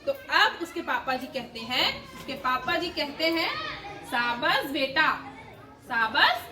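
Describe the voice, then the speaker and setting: A woman storyteller telling a puppet story to children, often pausing to ask them questions. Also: high voice, background noise. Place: large indoor hall. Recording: echoey hall from far off, children around.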